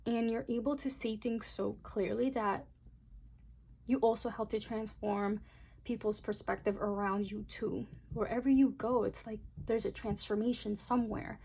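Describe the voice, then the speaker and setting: A woman giving a chatty, rambling tarot reading, speaking straight to her viewers and talking fast by her own account. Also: fairly high pitch, fairly even intonation, creaky, darkish tone, breathy edge. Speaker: tarot reader. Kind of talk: casual tarot reading to camera.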